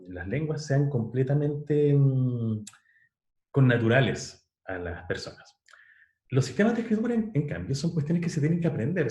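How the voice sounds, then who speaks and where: Lecturer in an echoey room. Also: male voice, medium pitch, a little mellow. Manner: explanatory, with many fillers and restarts. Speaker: university lecturer. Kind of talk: online class lecture.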